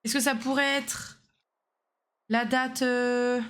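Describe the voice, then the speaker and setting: Woman streamer, fairly high voice, casual puzzle chat, talks her reasoning out loud, argues back and forth. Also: flat delivery, slow. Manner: thinking aloud, bickering with a co-player.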